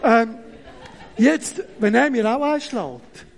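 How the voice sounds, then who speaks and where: Swiss guy preaching, high voice, jokey, keeps asking the crowd oder?. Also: slow, vocal fry, a little hiss or hum. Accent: Swiss German. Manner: animated, joking, often tags questions with "oder?". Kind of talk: lively sermon with audience demonstration.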